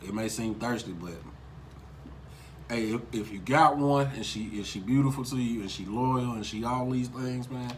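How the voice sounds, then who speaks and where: A man, telling stories casually in a relaxed, slangy, joking way. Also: mid-range voice, moderate pace. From Memphis, USA. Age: 20s. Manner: laid-back, slangy, joking. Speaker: vlogger's husband. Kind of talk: casual storytelling. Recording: noticeable background hiss.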